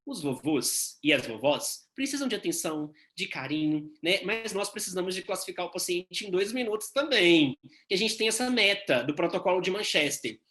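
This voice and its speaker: A man, teaching nursing students in a quick, animated lecture full of tag questions. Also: high voice. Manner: fast-talking, frequent tag questions, animated. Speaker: nursing instructor. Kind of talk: recorded lecture.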